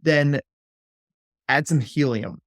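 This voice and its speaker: Guesting on a podcast, this clinical psychologist is animated and playful, now and then putting on silly voices. His voice runs a little high and he talks slowly. The studio sound is clean, with no echo.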